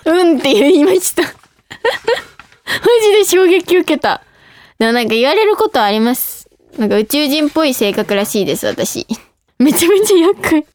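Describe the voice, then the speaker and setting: A woman's voice: sits high, sing-song, normal speed, pauses often, a little mellow, no room sound. A young woman hosting a radio show, reading listener mail and chatting casually, bubbly and often breaking into giggles.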